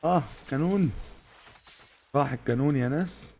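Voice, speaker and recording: A man with an Egyptian Arabic accent giving live gameplay commentary, trading fast joking banter with his teammates. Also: on the high side, a little mellow. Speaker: gaming streamer.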